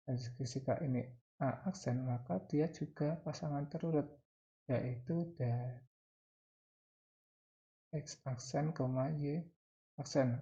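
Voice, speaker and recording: In a step-by-step spoken math lesson, an Indonesian-accented man dictates short phrases and keeps repeating key terms. His voice is medium-pitched and mellow with vocal fry, and the sound is lo-fi.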